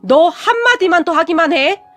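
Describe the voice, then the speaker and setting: A woman voicing a spoiled, whiny grown sister-in-law who shouts and complains tearfully. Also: high-pitched, lively intonation, normal speed. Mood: shrill whining.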